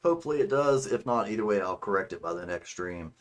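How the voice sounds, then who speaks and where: A man's voice: on the low side, expressive, fast talker. A man hosting a game livestream, chatting casually and rambling informally to viewers, with a tinny, slightly echoing sound as if in an untreated room. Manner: informal, rambling, mildly profane. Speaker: livestream host, gamer. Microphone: streaming microphone.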